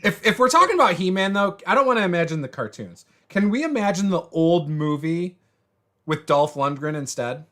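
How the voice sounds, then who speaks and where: A man running a tabletop game as game master, joking in quick, loose asides. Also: high-pitched, sing-song, bright, forceful tone.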